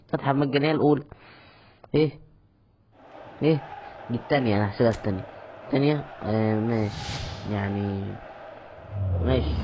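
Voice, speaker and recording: A man's voice: medium pitch, darkish tone, a little hiss or hum. A young man with an Egyptian accent giving casual pack-opening commentary, chatty and mock-exasperated as he pleads with the game. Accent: Egyptian Arabic. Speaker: gaming YouTuber.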